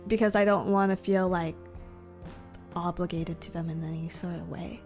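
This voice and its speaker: A woman's voice: fairly low pitch, steady tone, normal speed, darkish tone, faint music behind. A woman livestreaming in a casual, chatty way, rambling along and often repeating her phrases as she talks to viewers. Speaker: streamer and VTuber content creator. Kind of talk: casual livestream chat while gaming.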